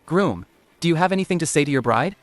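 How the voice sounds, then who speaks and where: A man's voice: a little high, lively intonation, quick pace, no echo, soft background music, lightly acted. An actor playing a formal, cheerful male wedding officiant in a drama dub. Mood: ceremonial.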